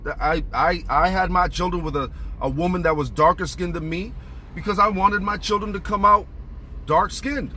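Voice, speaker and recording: Bright, high-voiced man ranting. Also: normal speed, slight background noise. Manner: profane, heated, emphatic. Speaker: vlogger. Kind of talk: casual storytelling rant.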